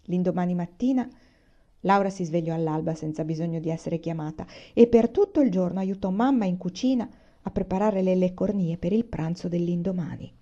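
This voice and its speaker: A woman reading a novel aloud in an expressive storytelling manner. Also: fairly low pitch, a little fast, muffled recording. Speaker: reader. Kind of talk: audiobook reading.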